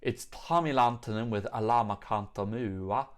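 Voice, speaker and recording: With songs from the music videos under review playing behind him, a man hosts a music reaction show, reacting casually and with strong opinions as he thinks aloud. His lowish voice is smooth and moves at a moderate pace.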